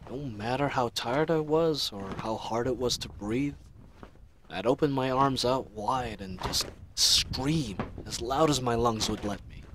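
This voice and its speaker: In this fantasy audio drama monologue, the young male knight captain speaks in an animated, slightly bright mid-range voice at a measured pace. Earnest, idealistic and teasing, he rambles in a mood that's wistful and earnest, reflective but playful. Outdoor ambience sound effects are laid noisily and clearly under him.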